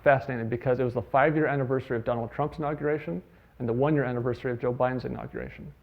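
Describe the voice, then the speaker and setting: A man giving a conference talk, telling stories in a conversational way with lively emphasis. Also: medium pitch, rapid-fire, gravelly, muffled recording. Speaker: conference speaker. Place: conference stage.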